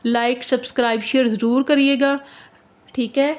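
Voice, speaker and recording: A woman's voice: high voice, level tone, normal speed, dull audio. A woman teaching Urdu handwriting step by step, speaking patiently and repeating each letter sound while checking her students follow along.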